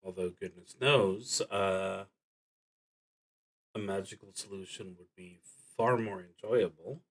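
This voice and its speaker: In a rough recording, a low-voiced man plays a solo tabletop roleplaying game by thinking aloud. He reads the prompts and muses uncertainly, stopping often for long, reflective pauses.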